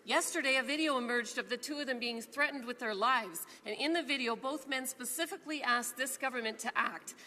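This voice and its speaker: A woman's voice: high voice, brisk, hardly any pauses, sharp tone. A woman putting a pointed, challenging question as an opposition member of parliament. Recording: reverberant chamber.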